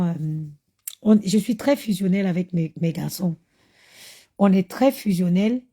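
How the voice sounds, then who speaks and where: Woman, tired, chatty phone live stream, mid pitch, addresses viewers directly. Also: warm tone. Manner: chatty, talks straight to her viewers. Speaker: mother doing a live stream. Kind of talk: casual live-stream chat.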